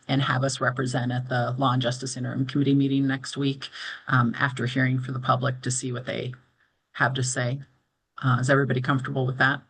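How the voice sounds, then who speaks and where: A woman's voice: rumbling low, fairly bright tone, husky. A woman moderating a formal public meeting online, explaining procedure in careful wording as the chair.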